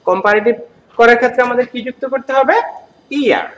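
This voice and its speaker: A man from Bangladesh teaching an English grammar lesson in Bengali. He repeats words slowly and asks the class questions as he goes. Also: extremely high pitch, fairly bright tone, a little hiss or hum, poor audio.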